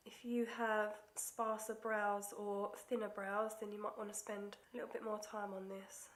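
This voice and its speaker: A young beauty vlogger with a cold-stuffed nose chats casually and self-deprecatingly through a makeup tutorial, occasionally dropping to near-whispers as she concentrates. Her voice is medium-pitched and flat at a normal speed, recorded in an echoey room.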